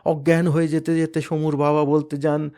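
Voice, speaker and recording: A man reading a novel aloud in a dramatic, expressive manner, sometimes dropping to a hush. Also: on the high side, moderate pace. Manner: expressive, varied, hushed at moments. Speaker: reader of a novel.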